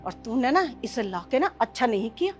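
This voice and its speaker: A woman playing a bitter, contemptuous grandmother and mother-in-law who scolds her family with sharp commands, in a family short film. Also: a little high, sing-song, brisk. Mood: scolding. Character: harsh, bitter grandmother who scorns girls.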